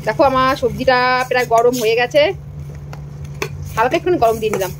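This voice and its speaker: A woman's voice: a little high, fast, background noise. A young woman, a mother, chatting to viewers as she explains each step of making her toddler's dinner in her home kitchen. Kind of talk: casual home cooking vlog narration.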